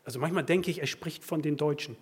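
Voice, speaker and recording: A man preaching a sermon, swinging from loud emphatic bursts to quiet asides. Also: on the high side, fast talker, breathy edge. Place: church.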